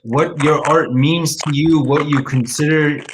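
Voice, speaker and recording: A man's voice: a little high, fairly even intonation, unhurried. A man moderating a panel, asking questions in a brief, tentative way. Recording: faint noise with clicks.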